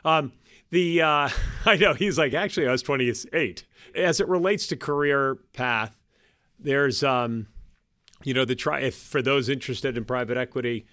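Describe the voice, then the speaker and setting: A man in his fifties, a guest on a podcast, telling his story in a halting, self-deprecating way with many restarts. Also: mid-range voice, a bit bright, smooth, dry recording, studio quality. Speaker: guest, private equity partner. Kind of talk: casual podcast interview.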